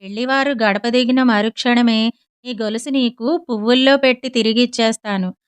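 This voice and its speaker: A woman voicing a cunning older neighbor woman who speaks sweetly and flatteringly, in audiobook storytelling. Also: fairly high pitch, normal speed, clear, resonant tone, no echo, lightly acted. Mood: coaxing.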